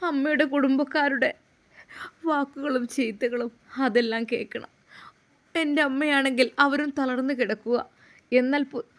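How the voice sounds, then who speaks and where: A woman narrating a dramatic story, with emotive emphasis that rises on key words. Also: fairly high pitch.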